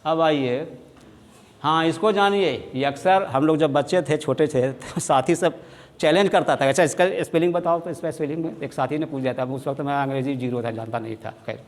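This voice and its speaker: A man's voice: a little high, fairly quick, long reverb tail. A man with a Bihari Hindi accent teaching an English spelling lesson, saying each word several times and spelling it out letter by letter.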